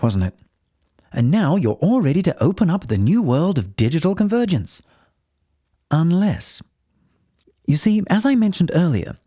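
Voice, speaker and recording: A man's voice: fairly high pitch, dark tone, husky, no room sound. A man reading a scripted installation tutorial in a chatty, reassuring, instructive manner, on dull, muffled audio. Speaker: instructional video narrator.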